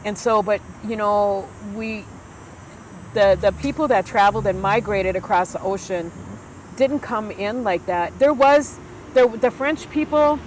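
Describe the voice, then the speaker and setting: An Ojibwe elder from the United States, a woman in her sixties, appears as a guest and tells stories conversationally, speaking earnestly and from the heart with many fillers and restarts. Her voice is mid-range, and the audio is poor with a little hiss or hum.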